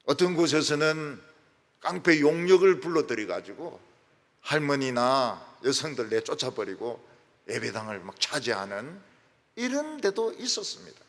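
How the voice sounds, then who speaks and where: Gravelly, lively male preacher in a reverberant hall. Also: medium pitch, normal speed. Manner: emphatic preaching, swinging between loud peaks and soft drops. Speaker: pastor. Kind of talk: sermon. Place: church sanctuary. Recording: long reverb of a large church hall.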